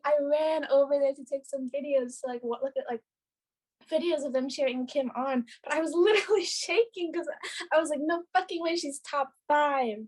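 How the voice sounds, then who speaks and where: A young woman, a makeup artist, telling an excited story in a casual, gushing way, full of "like" and swearing. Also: high voice. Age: young adult. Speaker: podcast guest, pageant makeup artist.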